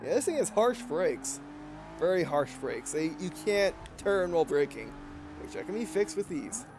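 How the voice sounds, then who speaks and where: A let's play gamer with a mixed Southern and Russian accent gives casual commentary on a racing game, rambling, correcting himself and reacting excitably. His voice is high and creaky, he talks at a normal speed, and music plays behind him.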